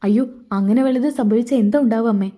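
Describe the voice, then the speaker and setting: A woman's voice: on the high side, fast, mellow, natural voice. A woman voicing a sly, spoiled young wife who plots with her mother.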